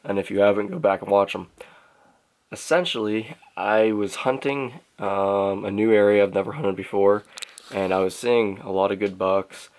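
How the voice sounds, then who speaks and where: A man's voice: fairly low pitch, moderate pace, darkish tone. A man telling a story in a casual vlog, rambling with lots of filler words. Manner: rambling, many "um" and "pretty much". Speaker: hunting vlogger.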